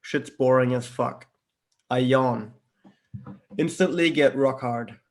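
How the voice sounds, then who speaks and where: A man's voice: medium pitch, slow. A man with a German accent reading crude internet stories aloud to a friend on a call, often cracking up with laughter as he reads. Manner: keeps breaking into laughter while reading.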